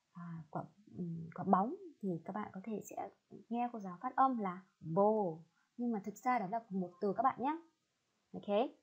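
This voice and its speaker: Woman from Vietnam, English teacher for kids, unhurried, patient repetition, slightly muffled lo-fi sound. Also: mid-range voice, husky. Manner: slow, patient drilling of each word. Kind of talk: online lesson for children. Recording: slightly dull lo-fi recording.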